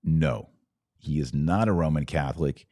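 In a dry, clean studio recording, an American man hosting a podcast reads out viewer comments and answers them casually and spontaneously. His voice is extremely low and warm, at a moderate pace.

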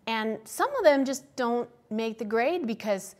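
A woman guest in a casual interview, talking about her art and teaching, chatty and laughing often, slowing down to stress a point. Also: fairly high pitch, expressive, a little mellow. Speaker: guest sculptor and instructor.

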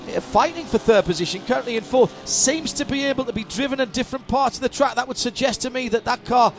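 A woman's voice: on the high side, quick pace, faint music behind. A woman giving live motorsport commentary as lead commentator, with a running call that swells with the action.

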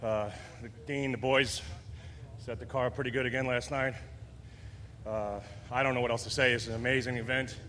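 Breathless male driver, bright voice. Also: medium pitch, normal speed, long reverb tail, a little hiss or hum. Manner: excited, scattered. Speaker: race-winning driver. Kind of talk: post-race interview.

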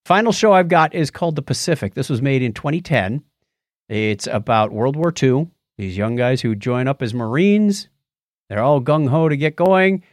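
This podcast co-host speaks in an expressive mid-range voice at a moderate pace, casually discussing TV shows and retelling events with quoted asides. The recording is dry and studio-clean.

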